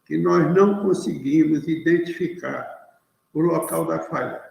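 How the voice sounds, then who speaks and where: A man serving as expert witness, answering questions in a hesitant, measured way over a video call. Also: fairly high pitch, gravelly, a little mellow, very echoey, big-room sound, rough recording.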